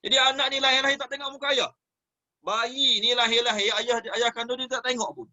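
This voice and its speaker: A Malaysian man with a Malay accent gives a religious study lecture in a high, bright voice. He is animated and draws on everyday examples, asking his listeners questions as he goes. The recording sounds dull and lo-fi. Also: fairly quick. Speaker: religious teacher. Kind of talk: Quran study class lecture.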